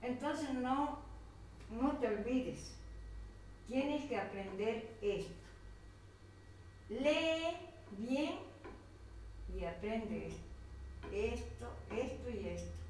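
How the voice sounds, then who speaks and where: With a slightly high, expressive, a little mellow voice, a Colombian-accented woman teacher speaks very slowly and pauses often. She patiently repeats and points at each item as she takes a pupil through a grammar worksheet. The mic is distant, leaving her off-mic in a very echoey room with faint noise.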